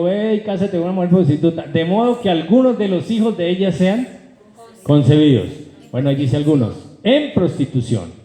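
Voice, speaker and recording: A male pastor, his voice sitting a little high with a mellow, soft edge. He preaches with fervor, shouting some lines and murmuring others, and keeps questioning the congregation. The sound rings around an echoey church hall. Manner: animated preaching, swings from loud high calls to low asides; addresses the congregation directly, asks rhetorical questions. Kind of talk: sermon.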